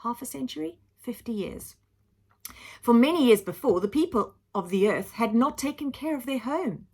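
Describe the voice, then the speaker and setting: At a moderate pace with a breathy edge and a slight huskiness, a teacher reads a story to children in an animated, wide-ranging voice. She punches up the dramatic words, then stops to explain them in plain terms for the kids.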